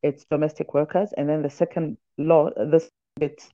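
A woman writer who is a podcast guest, chatting in a lively storytelling way and reading aloud from her book. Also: sits low, moderate pace, narrow, tinny audio.

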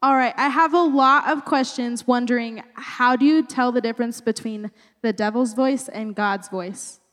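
A woman moderating a panel, briskly reading out questions from the audience. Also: fairly high pitch, fairly bright tone, big-room sound.

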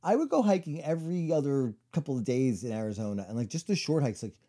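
A man's voice: medium pitch, animated, fast talker, dark tone. A man in his forties, co-hosting a casual chat and telling long stories full of "like" and "you know.". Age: 40s. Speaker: podcast co-host.

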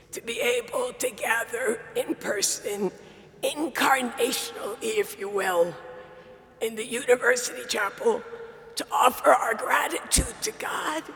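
A sultry, strained voice with a gravelly rasp and a forceful edge, ringing through a long chapel reverb. The speaker delivers a formal ceremonial address slowly and deliberately, as an official opening a graduation. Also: medium pitch. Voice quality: strained, raspy dysphonic voice; sultry, husky sound. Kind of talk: formal ceremonial welcome speech. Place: large university chapel, speaking to an assembly.

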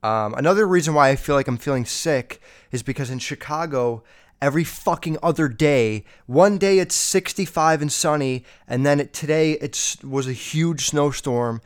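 A young man, clearly feeling sick and a touch nasal, hosts a casual solo podcast into a podcast microphone. His fairly high, clear, resonant voice moves at normal speed as he rambles along, swearing a lot and using plenty of fillers.

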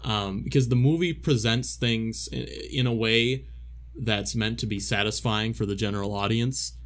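A man's voice: lowish voice, normal speed. A man co-hosting a podcast, talking casually about a movie with frequent restarts and fillers. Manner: rambling, many restarts and fillers. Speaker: podcast co-host.

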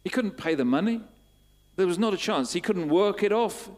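A man preaching a sermon, asking repeated questions and building to emphatic, louder bursts. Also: high-pitched, animated, normal speed.

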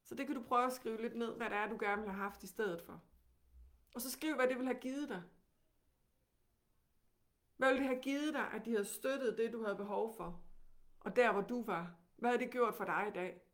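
A woman with a Danish accent teaching, who guides calmly and gently with many questions. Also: fairly high pitch, long pauses.

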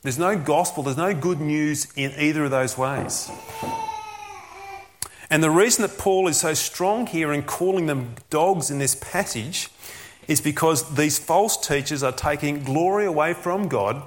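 A man's voice: a little high, measured pace, a little hiss or hum. A man preaching a sermon as a pastor, earnest and emphatic, often asking rhetorical questions.

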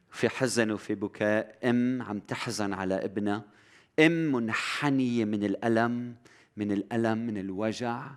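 A man with a Lebanese accent preaching a sermon as pastor, rising to loud cries and dropping to hushed, near-whispered lines. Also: on the low side, smooth.

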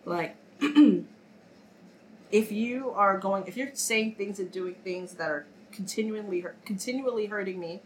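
A woman's voice: mid-range voice, unhurried, a little hiss or hum, low-quality recording. A woman in casual podcast chat, slightly nasal from a cold, speaking candidly and thoughtfully. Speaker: podcast co-host.

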